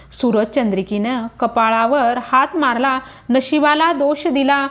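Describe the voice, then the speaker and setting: Casting note: woman storyteller, devotional tale, slow and measured, slightly high voice.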